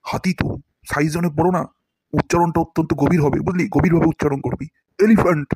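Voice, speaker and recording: A man's voice: a little high, steady tone, fast, a little mellow, breathy edge, no room sound. A man voicing a boastful, pompous male English teacher in a cartoon, scolding his pupils and acting out each word theatrically.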